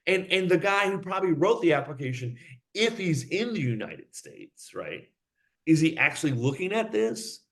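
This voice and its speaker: A man being interviewed as a company head, talking in an animated, fast way and acting out the voices of people in his stories. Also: on the high side. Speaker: guest, company CEO.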